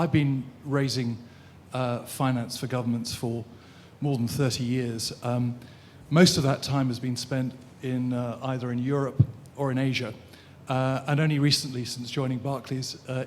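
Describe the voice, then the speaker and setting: A man's voice: mid-range voice, fairly even intonation, moderate pace, slight background noise. Formal man commenting from the floor. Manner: formal, hesitant with fillers. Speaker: audience member commenting. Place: conference hall.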